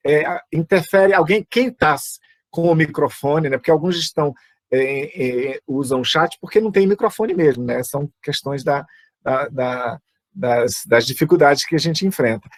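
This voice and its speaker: A man's voice: on the high side, no room sound. A Brazilian Portuguese-speaking man teaching music over a video call, chatty and full of asides. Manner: chatty, lots of fillers and asides. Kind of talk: online teaching talk.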